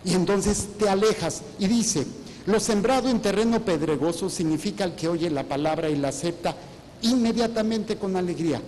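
Priest preaching, high voice, playful jabs at the crowd, long echo in the church, faint rumble. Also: male voice, moderate pace, a little mellow. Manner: teasing, asks the congregation questions and answers them himself. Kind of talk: sermon.

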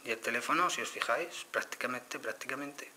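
A man with a Spain Spanish accent walks viewers through a phone demo in a relaxed, explanatory way. His voice is very bright and sharp, with a faint hiss behind it. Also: medium pitch, brisk. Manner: explanatory, addresses viewers directly. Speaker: phone reviewer. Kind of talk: casual product demo.

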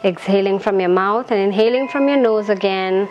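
The audio is dull with a bit of hiss or hum as a woman in a mid-range voice leads a meditation. Gentle and calm, she soothes the listener with brief instructions and lengthy pauses.

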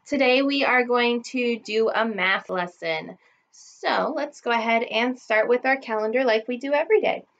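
A woman's voice: on the high side, fairly bright tone. A woman in her thirties teaching young children in a kids show host manner, prompting them and counting along. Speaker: elementary school teacher. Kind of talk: math lesson for young children. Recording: dull lo-fi webcam sound.

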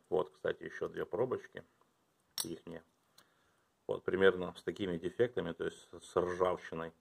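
A man with a low voice and vocal fry chats casually at home while unboxing and reviewing his collection. He thinks aloud, sinking into quiet mutters as he handles the items.

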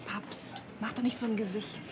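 A woman's voice: mid-range voice, steady tone, moderate pace, natural voice. An actress playing a young waitress who speaks out against her father, in a 1960s TV drama. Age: young adult. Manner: defiant, outspoken. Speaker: waitress, innkeeper's daughter. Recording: old TV soundtrack with faint hiss.

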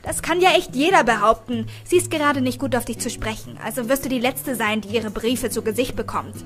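A woman's voice: fairly high pitch, brisk, soft background music, close to an everyday voice. Brief: woman reading a dry, grouchy, no-nonsense café owner for a storybook audiobook. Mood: dry grumpy. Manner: dry and grumbling. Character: grumpy, dry café woman, sensible and curt.

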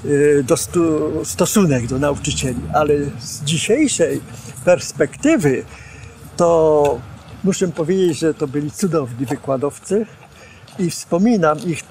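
An older man telling stories of his student days, outdoors on a boom microphone, animated and gesturing as he talks. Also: a little hiss or hum. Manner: animated storyteller, gestures while speaking, acts out quotes. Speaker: former student and preacher recalling his teachers. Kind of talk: reminiscing interview. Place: outdoors on a campus lawn.

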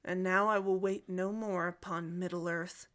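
A woman's voice: on the low side, steady tone, a little slow, fairly bright tone. Woman reading as a grief-stricken young woman. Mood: bitter. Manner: solemn, mournful lament.

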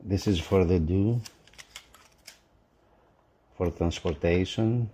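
A male magazine reviewer unboxes a product, describing each item in very slow, halting, broken non-native English. His voice is mellow and on the lower side.

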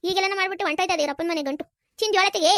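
A performer voicing an older village mother, fast and nagging in a cartoon. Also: extremely high pitch, fairly bright tone, dry recording, clean studio sound. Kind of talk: cartoon voice acting.

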